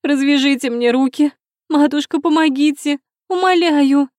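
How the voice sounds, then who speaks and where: A woman's voice: sits high, moderate pace, a little mellow, dry recording, clean studio sound, voice pushed up, natural voice. A woman voicing a spoiled young princess, hysterical and pleading, crying out shrilly in an audiobook.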